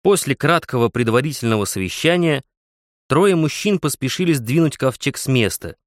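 A man narrating an adventure audiobook at a measured, even pace. His voice sits mid-range, and the recording is close and dry. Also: medium pitch, no room sound.

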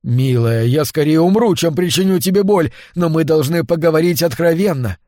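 A man's voice: fairly high pitch, expressive, moderate pace, dark tone, dry recording, clean studio sound, natural voice. A man playing an anxious, middle-aged professor who earnestly pleads with his wife. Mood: pleading.

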